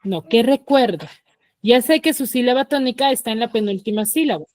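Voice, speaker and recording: A woman's voice: on the high side, animated, brisk, darkish tone, no room sound, clean studio sound. Patient teacher questioning her class. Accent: Peruvian Spanish. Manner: patient, questioning, drills students step by step. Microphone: computer mic on a video call.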